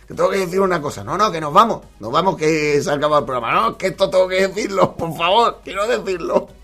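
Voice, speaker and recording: A man with a Spain accent hosting a comedy podcast, commenting on TV clips in a casual, animated way and laughing often. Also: high voice, fast, soft background music. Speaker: podcast host.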